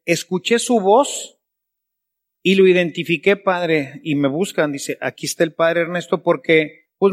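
Male priest, sermon, rhetorical questions, slightly high voice. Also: a bit bright.

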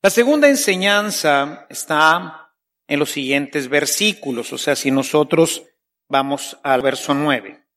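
A man's voice: a little high, lively intonation, slow, a bit bright. A man preaching a sermon, acting out playful prayers in shifting voices.

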